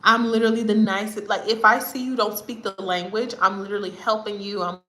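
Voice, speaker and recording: Lively woman chatting in an echoey room. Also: mid-range voice, a little fast. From United States. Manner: animated and chatty, often laughing. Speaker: vlogger. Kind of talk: casual storytelling chat. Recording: roomy echo.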